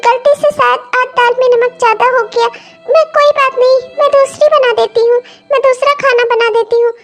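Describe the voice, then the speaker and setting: Brief: timid young cartoon bride, a woman voices her very high and pleading, devoted to her mother-in-law. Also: steady tone, fairly quick, soft background music. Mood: apologetic, pleading. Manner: pleading, apologetic. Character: meek young daughter-in-law, apologetic and devoted. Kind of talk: cartoon comedy voice acting.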